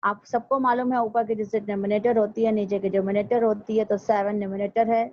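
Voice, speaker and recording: A woman school teacher, patiently explaining a maths lesson step by step and slowing down to repeat things for her students. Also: mid-range voice, flat delivery, a little hiss or hum. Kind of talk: recorded online maths lesson. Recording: dry, dull lo-fi home recording.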